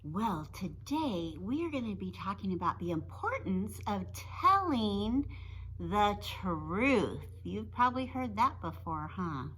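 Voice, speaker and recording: Bright, sing-song woman reading to children. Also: medium pitch, very animated, slow, rough recording. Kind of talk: children's story read-aloud.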